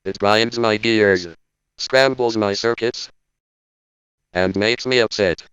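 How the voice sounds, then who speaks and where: A man playing an indignant robot spokesman who delivers a stiff, deadpan lecture in a smooth, resonant voice. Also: lowish voice, slow pace, lo-fi sound. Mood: stern. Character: indignant male robot spokesman, cold and logical. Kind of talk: scripted parody monologue.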